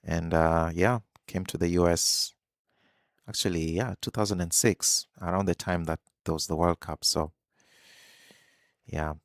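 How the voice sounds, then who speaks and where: A man's voice: low voice, a little slow, long pauses, no echo, studio quality. A man from Kenya, hosting a live football watch-along and chatting casually while he reacts to the match. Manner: relaxed, musing, reacts to the match. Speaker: live stream host.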